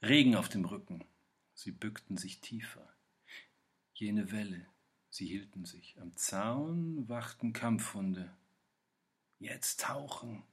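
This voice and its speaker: A man reads literary poetry aloud in a measured recitation, pausing between phrases. His voice is somewhat low and husky, and his delivery is unhurried. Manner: slow, measured recitation with pauses. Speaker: reader.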